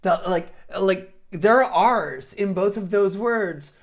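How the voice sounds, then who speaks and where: A woman's voice: medium pitch, slow. Scattered, rambling jet-lagged woman streamer. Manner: scattered, rambling, swears and laughs often. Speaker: livestream host. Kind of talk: casual live stream chat.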